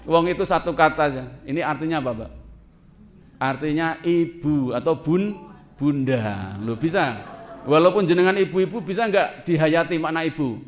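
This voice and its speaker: Lively higher-voiced preacher. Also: male voice, moderate pace, a little hiss or hum. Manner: lively, conversational, asks the audience questions and laughs. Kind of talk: sermon to a congregation.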